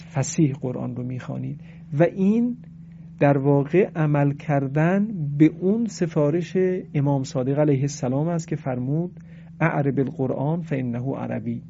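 A man giving a religious lesson on Quran recitation, explaining pronunciation and chanting verses slowly. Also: medium pitch, vocal fry, dark tone, lo-fi sound, a little hiss or hum.

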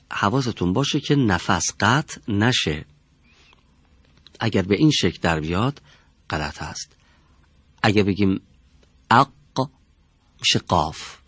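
A middle-aged man teaching a pronunciation lesson in a studio, speaking slowly, formally and deliberately. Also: on the low side, expressive, a bit bright, breathy edge, dry recording.

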